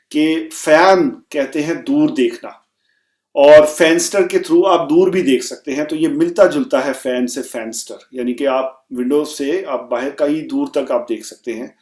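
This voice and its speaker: Slow, deliberate male language teacher. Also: on the high side, a little mellow. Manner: repeats each word slowly for learners to echo. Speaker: German teacher. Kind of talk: vocabulary lesson. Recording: echoey room.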